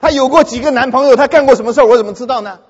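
A man with a high, somewhat husky voice preaches a sermon very fast in an animated storytelling style, repeatedly putting questions to his listeners. The dull, lo-fi audio has a long reverb from an echoey hall.

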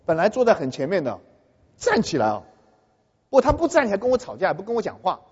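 A man preaching a sermon in a lively storytelling way, with a high, somewhat husky voice. He keeps turning to his listeners with questions. The dull, lo-fi audio carries a long hall reverb. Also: quick pace. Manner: animated storytelling with questions to the audience. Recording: echoey hall, dull lo-fi sound.

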